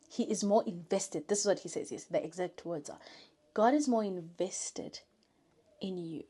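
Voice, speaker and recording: A woman from South Africa with a South African accent, telling an earnest, faith-filled story in a casual vlog and often dropping to a soft whisper. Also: on the low side, husky. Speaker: YouTuber.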